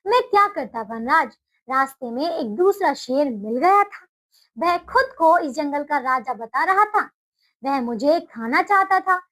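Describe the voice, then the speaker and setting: A woman's voice: high voice, animated, measured pace, fairly bright tone. A woman reading aloud and voicing a clever, cunning little male rabbit who speaks humbly and respectfully to the lion. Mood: pleading.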